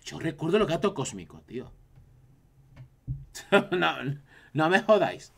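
A man's voice: on the high side, big pitch swings, a little slow, gravelly, fairly bright tone. A man from Spain with a Spanish accent, chatting casually on a live stream and reacting to his chat.

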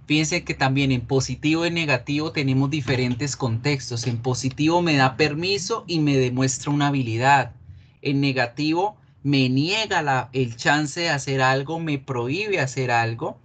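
Un hombre con acento colombiano que da una clase de inglés en línea y explica despacio, repitiendo los ejemplos. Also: male voice, mid-range voice, fairly bright tone. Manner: slow, explanatory, repeats examples. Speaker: English teacher. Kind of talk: online class.

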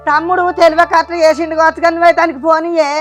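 A woman's voice: very high voice, level tone, very fast, fairly bright tone, faint music behind. A woman playing a village mother with a Telangana accent, consoling her crying daughter and scolding her son. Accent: Telangana Telugu.

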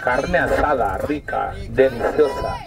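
A man's voice: mid-range voice, lively intonation, slow, vocal fry, a crowd in the background, rough recording. A man with a Salvadoran accent joking with friends and calling out a toy giveaway from an open truck outdoors. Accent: Salvadoran Spanish. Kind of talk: casual joking banter and street calls.

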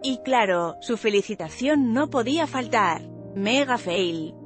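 A woman's voice: on the high side, animated, measured pace. A woman reading a scripted news voice-over with a wry, sardonic delivery. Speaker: news narrator. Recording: faint music bed behind.

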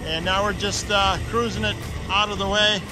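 A man's voice: high voice, level tone, normal speed. Man talking outdoors over engine noise. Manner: plain-spoken, explains step by step with many "uh" fillers. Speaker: tow truck driver. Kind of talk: casual vlog narration. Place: outdoors on a muddy wooded hillside. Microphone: handheld phone camera. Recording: outdoor phone audio with wind and engine noise. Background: truck engines and outdoor noise.

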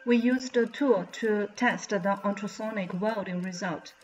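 Soft background music accompanies a woman speaking unhurriedly at medium pitch. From China and in her thirties, she hosts a channel on behalf of a mold company, narrating a scripted factory walkthrough in careful English that is slightly non-native and carries a Chinese accent. A front-facing camera in medium close framing shows her indoors before a plain bright backdrop.

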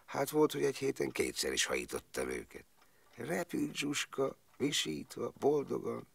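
A man's voice: medium pitch, expressive, vocal fry, fairly bright tone, husky, no echo, full character voice. An actor playing a plain-spoken former footballer who rambles through his wartime memories, stringing clauses together with fillers. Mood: rueful recollection. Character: rueful, plain-spoken man recalling wartime years. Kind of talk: film monologue.

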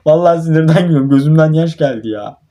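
A young man gives live commentary on his own mobile football match, frustrated and swearing at his players. His voice is a little high with a dark tone, and he races through his words.

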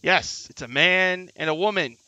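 A man's voice: sits high, moderate pace, bright, forceful tone, highs cut off. A man narrating a tabletop game as game master, describing things piece by piece in an improvised way.

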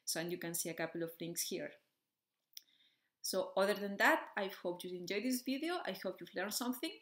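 A woman explaining a topic in a clear, methodical way as a music educator, often checking in with "okay" and "so". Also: mid-range voice, fairly quick, fairly bright tone, roomy sound. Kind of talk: explanatory video lesson.

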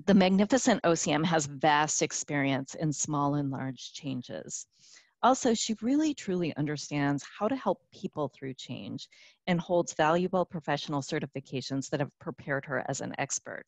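Woman, webinar presenter, deep voice, upbeat, filler-heavy, dry close sound. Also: lively intonation, moderate pace, no room sound. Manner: upbeat, with many fillers and restarts. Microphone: conference call line.

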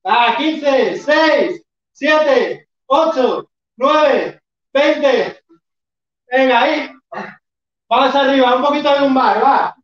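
A fitness instructor leads a live online workout class, counting reps and urging the class on, sometimes shouting. The high-pitched voice is extremely slow with frequent pauses, captured far from the mic in an echoey room with dull lo-fi sound.

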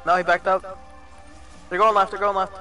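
A man calling out plays to friends during an online game, profane and excitable. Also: sits high, over music. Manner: quick call-outs, profane, excitable. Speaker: player. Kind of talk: casual gaming chat.

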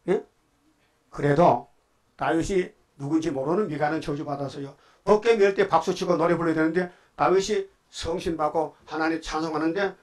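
Male pastor, slightly high voice, folksy storytelling sermon, quick prodding questions, loud bursts and quiet asides. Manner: colloquial storytelling preaching, prodding the congregation with "예?"; swings between loud outbursts and quiet asides. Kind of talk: Sunday afternoon sermon.

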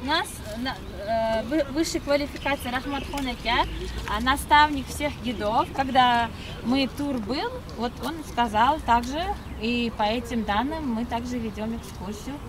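A woman with an Uzbek accent in Russian, guiding visitors informally in halting, simple phrases. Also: on the high side, recorded from a distance, background noise. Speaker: local tour guide. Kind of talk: informal guided-tour talk. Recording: off mic among a crowd.

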